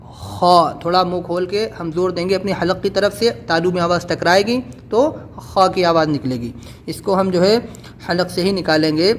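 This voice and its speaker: Male tutor with a high voice; patient, repetitive lesson delivery over light background noise. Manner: patient, repeats and drills letter sounds. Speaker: Quran reading teacher. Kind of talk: explanatory lesson.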